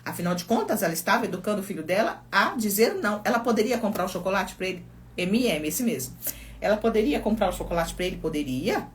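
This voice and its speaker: A woman's voice: medium pitch, animated, fast, slight background noise. A middle-aged woman with a Brazilian Portuguese accent, a psychologist chatting casually on a phone live stream, telling stories and reading viewer comments aloud.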